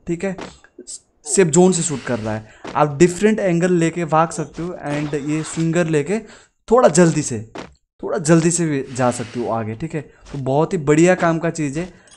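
A young man, hosting a gaming channel and giving chatty, excitable commentary over live gameplay while joking with his viewers. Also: on the high side, slight background noise.

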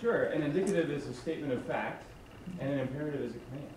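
Male class member with a quick, precise delivery, distant in an echoey room. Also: medium pitch, noisy background. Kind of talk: church class discussion. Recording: echoey room, far from mic.

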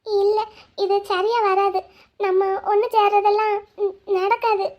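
A woman's voice: very high-pitched, level tone, unhurried. A woman voicing a poor, proud young woman in a cartoon drama, sad and resolute. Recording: dull lo-fi audio.

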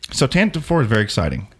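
Fast-talking, with a medium-pitched voice that swoops wildly, a young podcast host runs a casual geek live-stream chat. He jokes around, swears, and is openly enthusiastic.

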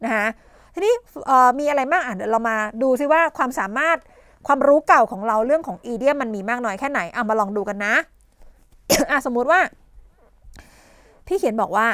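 Coughing and clearing her throat often, this Thai English teacher tutors idioms on television, leaning on "นะคะ" fillers and rhetorical questions. She speaks at a moderate pace in a high, expressive, slightly bright voice, with no echo.

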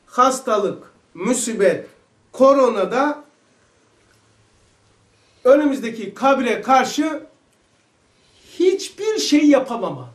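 A man teaching a religious lesson, fervent and firing rhetorical questions, at times shouting. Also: very high voice, echoey room.

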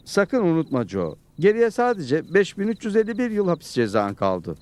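An actor playing a calm, assured cartoon cowboy hero with a steady, reassuring manner. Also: male voice, high voice, moderate pace. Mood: cool, commanding. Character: calm, confident heroic cowboy lawman. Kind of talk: cartoon dub acting. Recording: music behind the voice.

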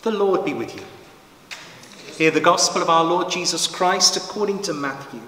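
A man, a priest, reading the gospel in a measured, solemn way, heard from a distance in a big church with a long cathedral echo. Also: on the high side, bright, forceful tone, soft background music. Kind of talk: liturgical scripture reading. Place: large church. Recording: long church reverb from far off, faint noise.

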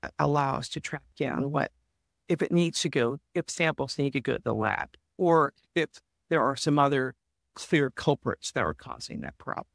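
A woman guest on a podcast interview, calmly explaining forest disease prevention in a measured, advice-giving way. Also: rumbling low, creaky, no room sound, clean studio sound. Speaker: forest health guest expert.

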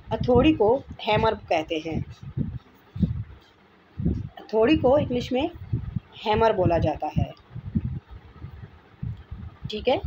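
A woman's voice: on the high side, highs cut off. A woman giving a vocabulary lesson, patiently repeating each word as she explains it. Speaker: teacher. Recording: noisy home recording.

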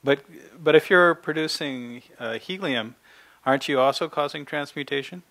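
A man's voice: a little high, moderate pace, a bit bright. A man in the audience asking a question hesitantly, repeating words as he goes. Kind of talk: question from the floor.

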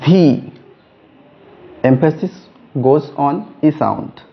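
A man teaching a lesson on letter names, speaking slowly and stressing each letter. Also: mid-range voice. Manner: slow, deliberate, stresses each letter name. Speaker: English teacher. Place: room with a whiteboard. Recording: dull lo-fi recording.

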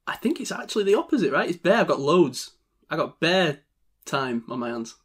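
Animated, higher-voiced man guessing slang. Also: fairly quick, slightly rough. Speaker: podcast co-host. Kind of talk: casual podcast chat.

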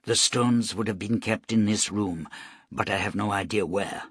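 A man voicing a calm, devout shipbuilder who speaks softly, quietly and in a measured way. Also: fairly low pitch, husky, no echo, studio quality. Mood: soft, reverent.

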